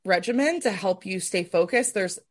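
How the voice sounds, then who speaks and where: A woman in her thirties hosting a podcast in casual chat, talking in a chatty, self-mocking way with quick asides, wired on caffeine. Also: medium pitch, animated. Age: 30s. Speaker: podcast host.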